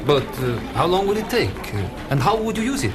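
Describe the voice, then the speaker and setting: Formal old radio show scientist. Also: male voice, sits high, big pitch swings, over loud music. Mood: thoughtful. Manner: formal, measured phrasing. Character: learned, courteous male South American insect scientist.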